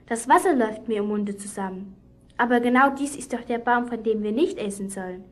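A woman in a children's radio play voicing the curious first woman in paradise, soft and earnest. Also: on the high side, brisk, close to an everyday voice.

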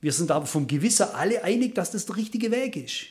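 A man's voice: sits high, lively intonation, quick pace, a little mellow. A man preaching a sermon, earnest and emphatic, speaking straight to his congregation. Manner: earnest, emphatic, addresses listeners directly.

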